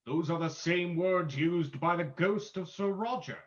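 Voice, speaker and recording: A man's voice: sits high, unhurried. A man playing a commanding, unseen crime-fighting sleuth in an old-time radio drama reading, formal and theatrical. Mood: stern, menacing. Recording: dull lo-fi audio.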